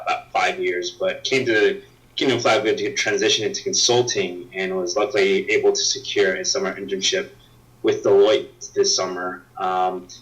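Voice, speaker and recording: Halting low-voiced man, distant mic. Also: a bit bright. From United States. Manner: halting, many ums and uhs. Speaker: MBA student career mentor. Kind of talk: self-introduction.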